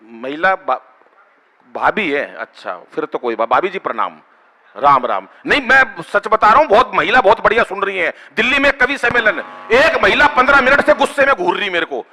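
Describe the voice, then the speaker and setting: Bright-voiced man joking on stage. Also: high-pitched, expressive, moderate pace, in a large hall. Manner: bantering with the audience, asks for applause. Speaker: stand-up poet. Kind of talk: kavi sammelan comic poetry.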